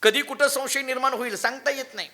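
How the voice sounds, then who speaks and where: A male devotional preacher giving a sermon in a temple, telling stories and chanting scripture quotes with lively emphasis. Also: very high voice, fast. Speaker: kirtankar preacher. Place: temple hall.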